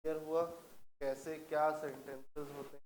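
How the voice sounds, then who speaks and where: A man teaching English grammar in a classroom, who dictates example sentences slowly and keeps asking the class if it is clear. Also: on the high side, flat delivery, darkish tone, echoey room, a little hiss or hum, poor audio.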